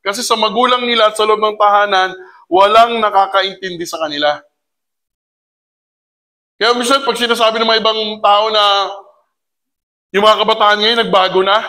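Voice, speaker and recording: Guy running a community seminar, high bright voice, keeps throwing questions at the crowd. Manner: keeps asking the audience rhetorical questions; mixes in English phrases. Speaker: seminar speaker for a community orientation. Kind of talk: lively seminar talk to an audience.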